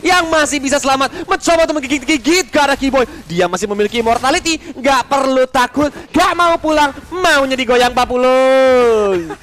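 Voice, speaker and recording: A man with an Indonesian accent calling a match as an excited fighting game announcer, hyped, with shouted, drawn-out calls. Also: very high-pitched. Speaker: esports play-by-play caster.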